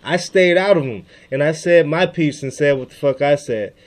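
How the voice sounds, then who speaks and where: Man, slightly high voice, profane, argumentative, casual podcast host, video call. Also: moderate pace.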